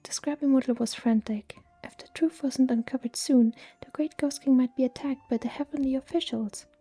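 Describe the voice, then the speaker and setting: Lady whispering a story asmr style, kinda high pitched, soft music behind. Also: breathy edge. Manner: slow, hushed and even. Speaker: reader.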